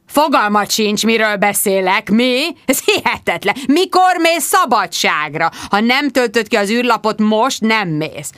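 A woman's voice: a little high, animated, few pauses, fairly bright tone, smooth, dry recording, studio quality, pitched above the performer's own voice. Woman doing a bellowing boss man. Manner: bellowing, impatient. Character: loud bullying male office boss.

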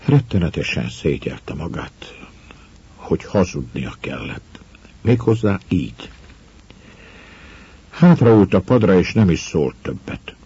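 Deep, very husky male storyteller. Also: very animated, pauses often, mellow, dry recording. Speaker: narrator. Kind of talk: audiobook story reading. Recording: dull lo-fi recording.

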